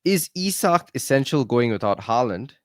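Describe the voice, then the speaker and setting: A man of middle pitch hosting a casual podcast, sounding upbeat and a little teasing as he keeps the talk moving. His voice is close and dry, with no room sound. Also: very animated, moderate pace, dry recording. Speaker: podcast host. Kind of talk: casual chat.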